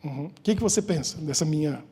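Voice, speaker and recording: A man's voice: a little high, animated, fast, mellow, slight background noise. A Brazilian man, a pastor with a Brazilian Portuguese accent, gives an informal sermon, joking and asking the congregation questions. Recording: long church hall reverb.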